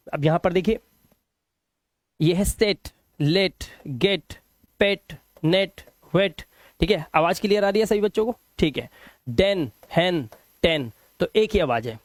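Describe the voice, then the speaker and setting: A man teaching English phonics rules, saying sample words slowly and repeating them, and asking his students whether they follow. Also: high-pitched, darkish tone, no echo, clean studio sound. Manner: explains patiently, repeats words slowly and asks checking questions. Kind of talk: classroom phonics lesson.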